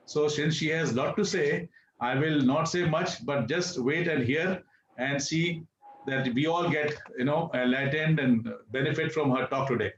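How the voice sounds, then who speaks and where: A man's voice: fairly high pitch, moderate pace, muffled recording. Man, Indian accent, host, informal introduction, echoey room, faint noise.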